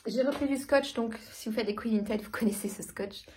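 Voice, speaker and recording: Speaking from home, this thirty-something vlogger talks through her shopping haul in a brisk, slightly mellow voice pitched on the high side. She is casual and hesitant, filling her speech with lots of fillers.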